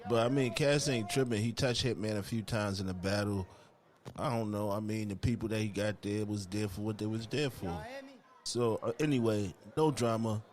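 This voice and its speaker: A man's voice: lowish voice, moderate pace, a little mellow. A man hosting a casual event recap, talking informally in street slang and rambling through his retelling. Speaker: host, event commentator.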